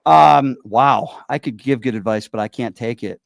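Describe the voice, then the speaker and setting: A man in his forties from Connecticut hosts a casual chat show, rambling with fillers and repeated yeps. His mid-range voice has some vocal fry and moves at normal speed. The studio recording is clean, with no room sound.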